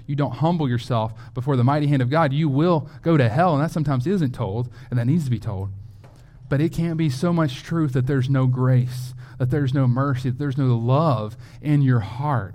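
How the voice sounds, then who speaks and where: A man's voice: medium pitch, darkish tone. Guy teaching a bible passage to a group, casual sermon vibe, keeps restarting his sentences. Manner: informal and searching, often restarting phrases.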